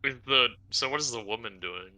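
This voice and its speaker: A man's voice: medium pitch, brisk, sharp tone. A man playing a tabletop game, eager and asking questions. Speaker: player. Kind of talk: casual tabletop play.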